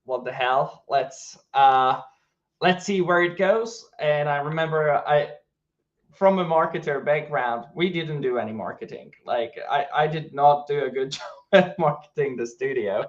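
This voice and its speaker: Unhurried and on the high side, this Hungarian-accented man from Hungary co-founded a game studio and talks about it in a relaxed interview. His speech is loose, with plenty of fillers and restarts, captured in lo-fi sound.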